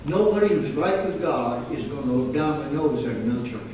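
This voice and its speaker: A man's voice: medium pitch, expressive, brisk, noisy background. A man preaching a sermon as pastor, in a folksy, emphatic way. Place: church sanctuary. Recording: echoey sanctuary, mic far off.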